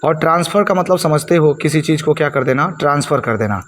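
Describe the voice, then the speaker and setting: A man's voice: on the high side, animated, fast, slight background noise. A man teaching poetic devices, asking and answering his own questions and repeating key words for his students. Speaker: English teacher. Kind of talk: blackboard lesson explaining poetic devices.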